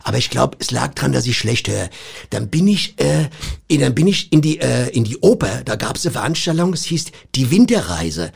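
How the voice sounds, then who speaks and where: Gravelly, husky comedian telling muddled stories. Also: male voice, mid-range voice, big pitch swings, moderate pace. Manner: meandering, muddled storyteller. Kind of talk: comedy sketch banter.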